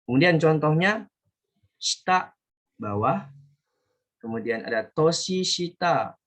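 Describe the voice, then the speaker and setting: A man from Indonesia teaching a relaxed online Japanese class, chatty and often correcting himself as he talks. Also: a little high, takes it slowly. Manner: chatty, self-correcting, talks to students directly. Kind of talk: casual online class lesson.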